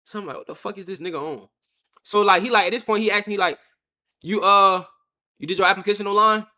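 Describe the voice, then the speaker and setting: A young man tells a story straight to his live chat. His voice sits high and sounds bright and forceful. He jumps into the other people's lines as he goes, animated and loose. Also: fast talker. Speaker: streamer telling a story. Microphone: webcam or phone on a stand.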